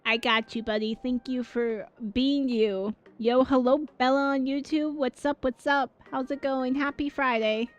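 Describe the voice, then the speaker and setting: A woman's voice: sits high, steady tone, unhurried, hardly any pauses, muffled recording, soft background music. A woman streamer chatting casually on a gaming livestream, rambling and filler-heavy as she reacts to her viewers.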